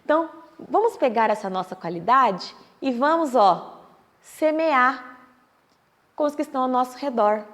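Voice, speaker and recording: A woman's voice: high-pitched, animated, a little slow, fairly bright tone. A Brazilian woman giving a public talk at a Spiritist center, telling a story and acting out what other people say. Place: meeting hall of a Spiritist center. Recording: echoey hall.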